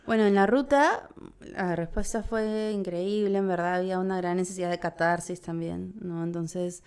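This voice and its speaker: Smooth-voiced Peruvian woman, rambling. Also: on the low side, fairly even intonation, normal speed, darkish tone. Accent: Peruvian Spanish. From Peru. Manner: rambling, full of tag questions and restarts. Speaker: documentary filmmaker guest. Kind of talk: casual interview chat.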